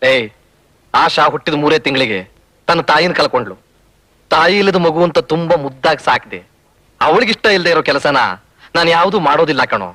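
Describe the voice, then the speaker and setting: A man's voice: a little high, lively intonation, moderate pace, long pauses, pushed and bright, dry recording. An actor playing an easygoing, cheerful wealthy father who dotes on his daughter, in a film scene. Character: good-natured wealthy father, indulgent toward daughter. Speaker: rich father and business partner. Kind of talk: film dialogue.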